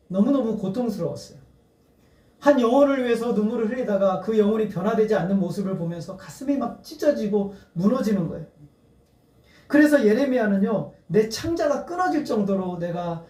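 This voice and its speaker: A man's voice: high voice, animated, a little fast, mellow. A male pastor preaching a sermon, earnest and building to emphatic appeals, breaking into laughter. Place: church sanctuary. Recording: echoey church hall, mic at a distance.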